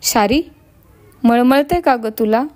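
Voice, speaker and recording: A caring young village boy speaks softly and reassuringly, as a woman narrator voices him. The voice is slow and a little high, and it is recorded dry and close. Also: dry recording. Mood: consoling. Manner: soft, consoling.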